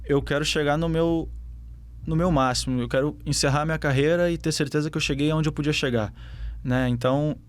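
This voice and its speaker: There's no room sound as this young footballer guest with a southern Brazilian accent talks fairly quickly in a slightly high, steady voice. He answers the interview questions casually, with lots of fillers and restarts.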